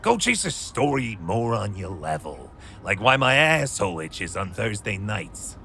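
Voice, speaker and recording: An actor playing a gruff, sarcastic, brusque police detective with a gravelly voice in a video game. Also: male voice, fairly low pitch, very animated, measured pace, pushed and bright, slight background noise, exaggerated voice. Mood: exasperated, dismissive. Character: gruff, dismissive, cynical male police detective.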